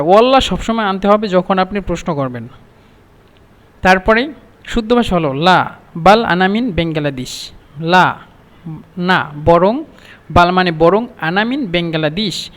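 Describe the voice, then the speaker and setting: A man from Bangladesh teaching a spoken language lesson, explaining slowly and repeating each phrase. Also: high-pitched, fairly bright tone, big-room sound.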